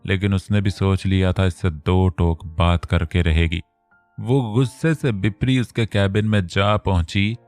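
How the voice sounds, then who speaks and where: Man, audio novel narrator, deep voice, steady storytelling, faint background music. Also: measured pace, no echo.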